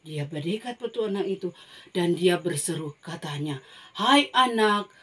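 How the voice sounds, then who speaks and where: A woman with a Manado Malay accent teaching a Bible story to children, telling it in an animated way with frequent exclamations and repeated key phrases. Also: on the low side, moderate pace, slightly rough. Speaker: Sunday school teacher.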